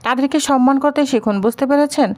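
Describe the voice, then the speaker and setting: A woman voicing a bold young daughter-in-law who answers back with calm, cutting retorts. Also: sits high, fast talker, lightly acted. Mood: cool, defiant.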